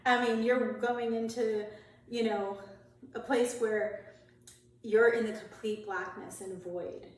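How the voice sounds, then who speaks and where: A woman's voice: on the high side, steady tone, slow pace. Woman, podcast guest, candid personal storytelling, chatty fillers, very echoey room, distant mic. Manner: candid and chatty, with frequent "like" and "you know" fillers.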